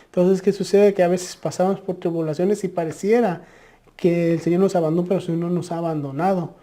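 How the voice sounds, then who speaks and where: Dark-voiced woman preaching earnestly. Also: lowish voice, fairly even intonation, brisk. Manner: earnest, many restarts and filler "eh". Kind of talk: conversational preaching.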